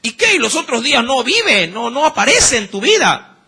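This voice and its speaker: A male Ecuadorian preacher delivers a sermon with a piercing, bright tone. His pitch leaps up and down with lively swings, and he leans hard on rhetorical questions to the congregation. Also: moderate pace, breathy edge.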